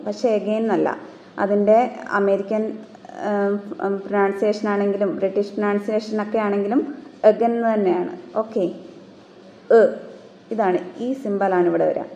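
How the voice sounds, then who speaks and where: A woman teaching phonetics, sounding out words one sound at a time and dictating definitions slowly. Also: medium pitch, fairly even intonation, warm tone, reverberant, rough recording. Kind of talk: classroom explanation of phonetics.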